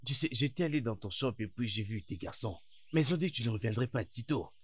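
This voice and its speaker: A husky, jovial friend. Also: male voice, medium pitch, lively intonation, fast. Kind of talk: French dub of a film.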